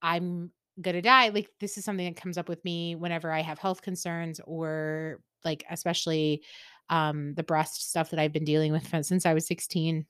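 A woman with a lowish, smooth and clear voice talks candidly on her own podcast, swearing freely and laughing often. She is close to the microphone in a dry, dead-sounding space. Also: little pitch movement, moderate pace, no echo. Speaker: podcast host. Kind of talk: casual solo podcast monologue.

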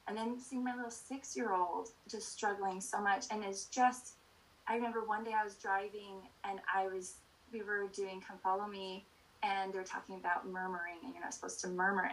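A middle-aged woman speaking as an interview guest, candidly sharing personal experience in an earnest, halting way that often backtracks. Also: mid-range voice, low-quality recording. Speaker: podcast guest.

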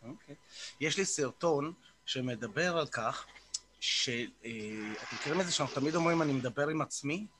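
Leading a short guided meditation, this man hosts an informal, coaching-style morning group session on a video call. He has a mid-range, expressive voice, repeats words often, and fills silences with "uh," all over a noisy background.

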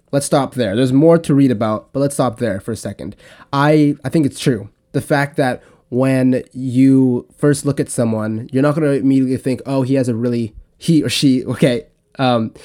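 A young man hosting a casual podcast on his own, talking in a relaxed, rambling way with frequent restarts. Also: mid-range voice. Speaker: podcast host. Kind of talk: casual solo podcast talk.

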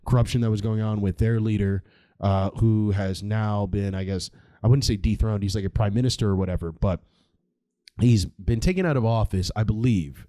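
A man's voice: on the low side, normal speed, warm tone, no room sound. A man hosting a podcast, delivering a casual, comedic monologue in a rambling, slangy, sweary way. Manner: informal, slangy, heavy swearing. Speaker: podcast host.

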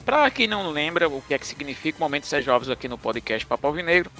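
A man co-hosting a casual football discussion, halting as he searches for words. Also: fairly high pitch, very animated, bright, forceful tone, soft background music. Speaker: football podcast co-host.

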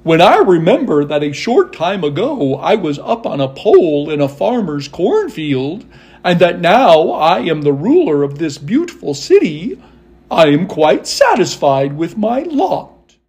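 A storybook scarecrow in charge, voiced by a man. He speaks very deliberately and slowly, pleased with himself and thoughtful, with a husky edge. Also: on the high side, big pitch swings, darkish tone, exaggerated voice. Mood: contented. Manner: slow, deliberate. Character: self-satisfied thoughtful male scarecrow ruler.

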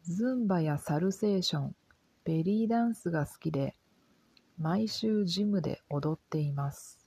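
A soft-spoken woman reading a simple lesson for language learners in a calm, gentle, careful way. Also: fairly low pitch, normal speed, breathy edge, no room sound, poor audio. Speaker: Japanese language teacher.

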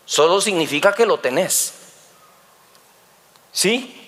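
A male preacher, teasing his congregation and acting out scenes. His voice sits unusually high and swings widely, with a bright, forceful edge. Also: slow pace, a little hiss or hum. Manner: lively, teasing, acts out dialogues. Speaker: pastor. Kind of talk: sermon.

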